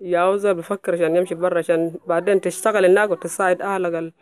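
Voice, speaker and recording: Fast-talking young South Sudanese woman. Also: fairly low pitch, level tone, darkish tone. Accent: South Sudanese Arabic. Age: 20s. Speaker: interviewee. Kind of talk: casual interview answers.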